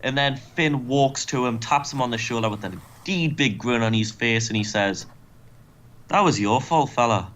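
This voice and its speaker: A man's voice: mid-range voice, moderate pace, few pauses, a bit bright, a little hiss or hum. A man hosting a let's play, giving casual, joking commentary on a wrestling game. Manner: joking, wry.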